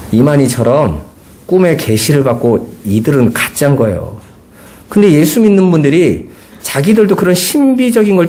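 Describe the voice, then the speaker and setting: A man's voice: mid-range voice, dark tone. A middle-aged man preaching a Sunday sermon as pastor, earnest, asking his listeners rhetorical questions.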